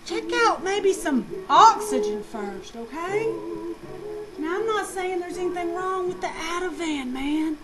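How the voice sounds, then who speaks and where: A woman teaching nursing students in a lively, slangy lecture, asking questions and answering them herself. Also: extremely high pitch, measured pace, over loud music, poor audio. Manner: animated, slangy, asks and answers own questions.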